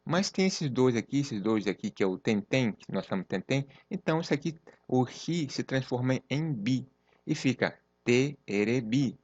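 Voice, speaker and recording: Man, online Japanese lesson, patient explainer who repeats words, lively up-and-down pitch, dry slightly dull recording. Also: normal speed, dry recording. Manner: explains patiently, repeats words and acts out little example sentences. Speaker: Japanese teacher.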